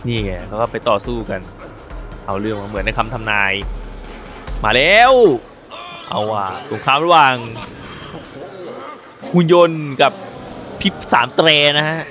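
A man's voice: fairly low pitch, a little fast. Chatty man doing gameplay commentary. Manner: jokey, chatty, excitable play-by-play. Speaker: gaming channel host. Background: game music.

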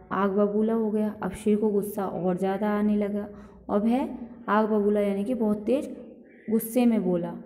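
एक अध्यापिका ऑनलाइन कक्षा में बच्चों को कहानी पढ़कर सुनाती है और हर पंक्ति को सरल शब्दों में फिर समझाती है।. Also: female voice, medium pitch, warm tone. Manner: reads each line then re-explains it simply. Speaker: school teacher. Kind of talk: online class story reading. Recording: echoey hall reverb.

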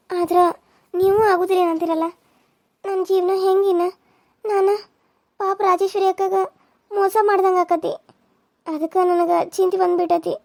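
A woman voicing a gentle, tearful young bride-to-be in a cartoon serial, speaking softly with a North Karnataka Kannada accent. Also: extremely high pitch, no echo, studio quality. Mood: worried. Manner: soft, pleading.

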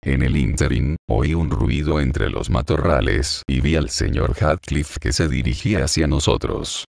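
A man giving a measured, scripted audiobook narration. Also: rumbling low, creaky, no echo, clean studio sound.

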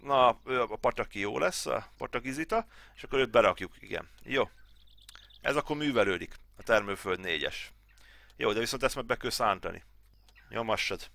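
A gaming channel host from Hungary, a man in his thirties, chats and mutters to himself while thinking aloud through a farm game tutorial at home. The recording is dry, and his mid-range voice is gravelly with a fairly bright tone.

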